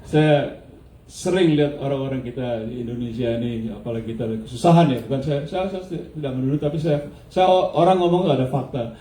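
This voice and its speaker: A man's voice: medium pitch, a little fast, warm tone, echoey room, slight background noise. A male pastor preaching a sermon, questioning his congregation, laughing often and dropping English words into his speech. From United States.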